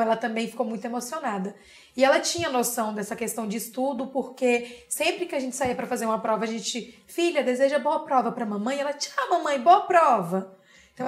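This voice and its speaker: A young Brazilian woman, an interview guest, telling a personal story in a lively way and often adding tag questions. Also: fairly high pitch, a little fast. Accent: Brazilian Portuguese.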